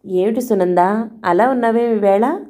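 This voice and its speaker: A woman voicing a caring man, an elder brother who questions slowly and gently. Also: on the high side, close to an everyday voice. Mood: concerned. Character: male hospital patient, caring elder brother.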